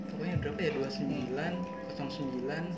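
A man's voice: mid-range voice, quick pace, over loud music. A young man telling a personal story in casual chat, laughing often as he talks. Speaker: guest telling his story. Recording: echoey room with background noise.

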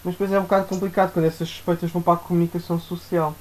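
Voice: mid-range voice, flat delivery, very fast, darkish tone, rough recording. A young adult with a European Portuguese accent co-hosting a podcast, giving opinions casually and insistently, rephrasing points as they go. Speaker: podcast co-host.

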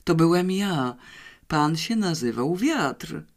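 A man's voice: a little high, very animated, slow pace, heavily acted. A reader voicing a cheerful middle-aged man who talks exuberantly to an old acquaintance. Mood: overjoyed. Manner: exuberant, warm.

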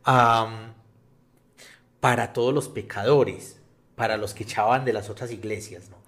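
A man in casual conversation with friends, speaking in a halting, emotional manner. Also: fairly low pitch, steady tone, fairly bright tone.

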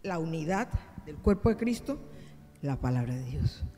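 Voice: mid-range voice, very animated, normal speed, dark tone, long reverb tail. A preacher delivering a sermon, speaking directly and emphatically to the congregation as brothers and sisters.

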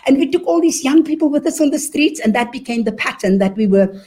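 Giving her testimony in an interview, a South African-accented woman evangelist tells her story with earnest feeling. Her high, mellow voice is expressive and quick-paced.

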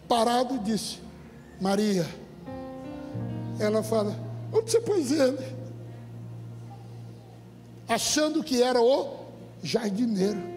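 A Brazilian man preaching as a pastor, emphatic and often rising to shouts while speaking directly to his congregation. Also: very high-pitched. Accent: Brazilian Portuguese. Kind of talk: sermon. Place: church. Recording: echoey hall with faint music.

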